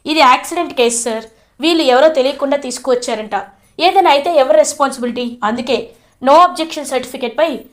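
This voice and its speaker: A woman voicing a stern hospital doctor who speaks firmly and briskly. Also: high-pitched, close to an everyday voice.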